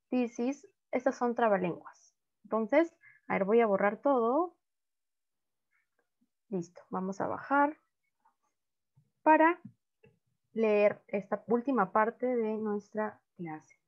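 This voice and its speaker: A woman's voice: fairly high pitch, highs cut off. A woman teaching English to young children online, having them repeat words after her. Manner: patient, repeats words for pupils to echo.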